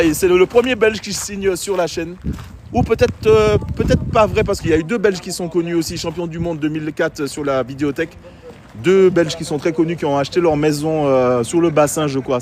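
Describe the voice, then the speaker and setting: A man giving chatty live commentary on a pétanque game outdoors, talking straight to his viewers. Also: a little high. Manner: chatty, addresses viewers directly. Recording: faint street noise outdoors.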